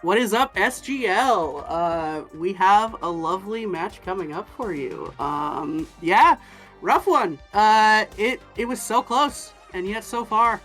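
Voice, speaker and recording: A woman's voice: mid-range voice, expressive, takes it slowly, fairly bright tone, soft background music. A woman joining a live esports stream as a guest commentator, chatting in a laid-back way. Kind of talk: casual chat.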